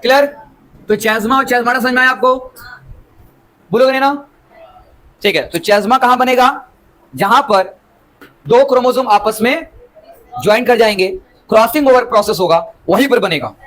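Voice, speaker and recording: High-voiced biology teacher. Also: male voice, moderate pace, long pauses, a bit bright, poor audio. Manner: keeps asking students rhetorical questions; explains with homely examples. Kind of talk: classroom lecture.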